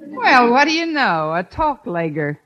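An actress playing a wry, quick-witted schoolteacher who narrates and trades dry wisecracks in a 1950s radio comedy. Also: female voice, a little high, big pitch swings, very noisy. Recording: dull old radio recording.

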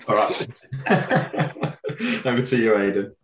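A man's voice: mid-range voice, very animated, slow pace. A man hosting a casual quiz among friends on a football podcast, with easygoing banter. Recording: roomy, echoey sound.

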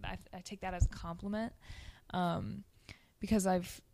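A woman's voice: fairly low pitch, fairly even intonation, moderate pace, creaky, darkish tone. A young woman guest speaking casually in an interview, with hesitant, informal phrasing that tends to trail off. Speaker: podcast guest, ice bath coach.

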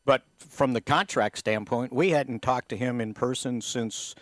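A man co-hosting a sports podcast. He chats casually and tells anecdotes, often restarting his sentences. His voice sits mid-pitch and sounds dry and close on a studio mic. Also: unhurried, no room sound. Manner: storytelling, many false starts. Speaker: podcast co-host.

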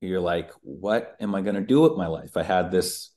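A public speaker in his thirties from the Northeastern United States talks candidly about his life as a guest in a casual interview. His voice sits low and a bit mellow, at a normal speed. He's conversational and uses fillers.

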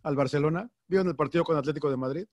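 A man's voice: fairly high pitch, racing, no room sound. A man with a Mexican Spanish accent, co-hosting a casual sports podcast, joking and swearing often. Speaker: podcast co-host.

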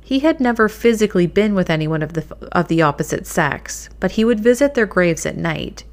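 A woman with a slightly low-pitched voice narrates a true crime story. Her delivery is scripted and measured, built for suspense like a crime show narrator. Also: animated.

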